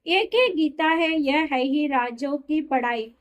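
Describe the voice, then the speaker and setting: A woman reading a spiritual discourse aloud in a steady, explanatory way, sometimes correcting herself mid-word. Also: sits high, slow pace. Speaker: reader of a daily spiritual discourse.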